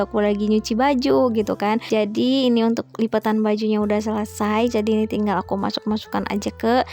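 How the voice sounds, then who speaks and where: A woman's voice: a little high, vocal fry, warm tone. A young homemaker woman narrating her daily vlog in a chatty, confiding way, full of little filler tags. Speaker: homemaker vlogger. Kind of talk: casual voice-over vlog narration.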